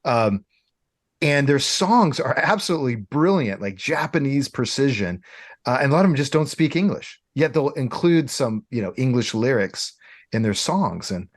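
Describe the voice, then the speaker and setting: Middle-aged man, podcast co-host, playful, laughs often, very animated pitch, dry close sound. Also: normal speed, dry recording. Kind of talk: casual chat.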